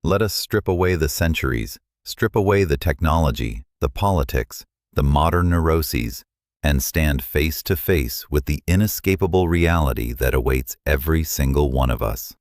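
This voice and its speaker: A man with an extremely deep, low voice narrates a script in a solemn, contemplative way. The sound is close and completely dry, with no room around it. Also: animated, moderate pace, no room sound.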